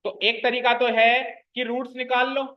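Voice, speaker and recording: High-voiced man teaching maths to a class. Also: flat delivery, highs cut off. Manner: checks understanding with frequent questions to the class; explains slowly, repeating key terms. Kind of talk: classroom lecture.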